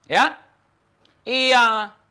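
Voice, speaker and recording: A man's voice: very high-pitched, steady tone, extremely slow, sharp tone, clean tone. A man hosting an online talk show, delivering a defiant, taunting monologue to the camera full of rhetorical questions. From Indonesia.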